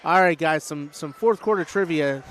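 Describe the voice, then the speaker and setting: A man doing casual, jokey play-by-play for a high school basketball game, chatting with listeners between calls. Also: moderate pace, a bit bright. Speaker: play-by-play announcer. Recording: noisy gym broadcast.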